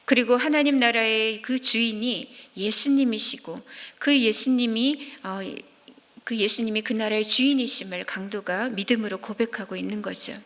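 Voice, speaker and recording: A woman evangelist giving a sermon at a midweek prayer service, speaking in an earnest, measured preaching manner. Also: a little high, a bit bright. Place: church sanctuary. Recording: long reverb of a church hall.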